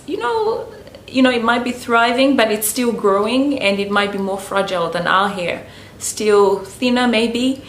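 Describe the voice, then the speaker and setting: A Zambian natural hair vlogger offers relaxed hair-care tips to camera, chatty and loose, with frequent "you know"s. Her voice is medium-pitched with a little hiss or hum, recorded in an echoey room with faint ambience behind.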